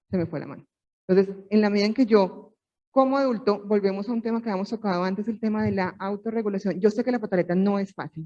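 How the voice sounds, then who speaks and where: A woman's voice: mid-range voice, dark tone, far from the mic, lo-fi sound. A woman in her forties, a parenting panelist, explaining earnestly and asking rhetorical questions.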